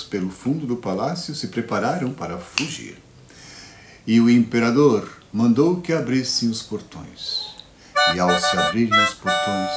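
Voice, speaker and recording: A man telling a classic fairy tale to children, playful and dramatic, with long pauses. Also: medium pitch. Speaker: storyteller. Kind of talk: children's storytelling performance. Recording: echoey room with guitar music.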